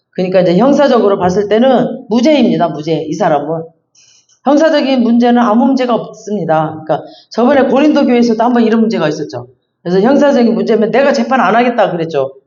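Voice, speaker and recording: A man's voice: sits high, darkish tone. A male pastor giving an expository Bible sermon in a conversational, emphatic way, reading verses aloud and then explaining them. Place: church sanctuary. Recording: echoey, dull church sound.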